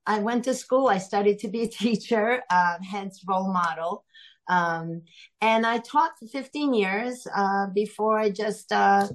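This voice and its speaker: Chatty middle-aged woman, podcast guest. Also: mid-range voice. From Greece. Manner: chatty, laughs often, many fillers. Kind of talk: casual interview chat.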